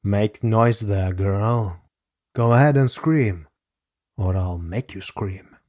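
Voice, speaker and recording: A man voicing a cold, menacing adult man in a true-crime reading, delivered flat, mocking and quiet. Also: on the low side, slow. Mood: taunting.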